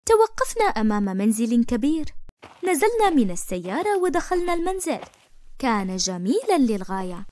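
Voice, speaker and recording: A woman narrating a first-person story for an animated cartoon in an expressive, emotive way. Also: a little high, fairly quick, no echo.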